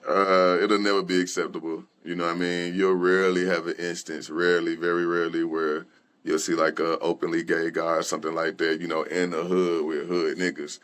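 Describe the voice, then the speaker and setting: This young adult rapper, here as a guest, speaks in a deep, fairly bright voice with a level tone and a slightly quick pace. He recounts his own story candidly, rambling casually with lots of fillers and false starts.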